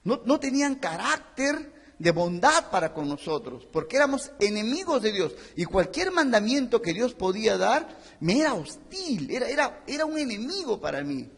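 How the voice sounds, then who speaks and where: Animated preacher in a church. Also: male voice, sits high, moderate pace, husky, long reverb tail. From Peru. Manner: earnest, addresses listeners as brothers, acts out stories. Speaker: pastor. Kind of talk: sermon.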